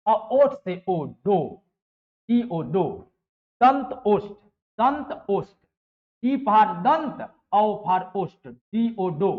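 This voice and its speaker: A male teacher with a very high voice gives a grammar lesson, taking each step slowly and with care. He repeats syllables, asks his students questions and answers them himself. The recording sounds dull and lo-fi. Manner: repeats sounds and keeps checking with "ठीक है". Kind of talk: Hindi grammar lesson for exam preparation.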